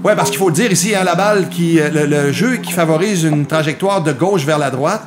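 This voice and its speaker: A man's voice: fairly high pitch, brisk, crowd noise. A man with a Quebec French accent giving live golf commentary on a mini-golf match, explaining the play to viewers.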